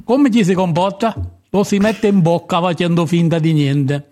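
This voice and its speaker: A man acts out a cantankerous comic quiz master in a radio sketch. The voice sits high, rambling through absurd etiquette questions in a blunt, crude, easily riled way. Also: fairly even intonation, normal speed, mellow, close to an everyday voice. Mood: impatient, pedantic.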